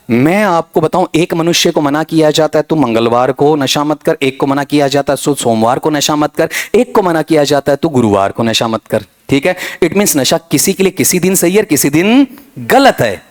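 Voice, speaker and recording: A middle-aged man teaching an English vocabulary revision class, animated and fond of asking students questions and saying "theek hai". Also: fairly high pitch. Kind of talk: lively classroom revision lecture.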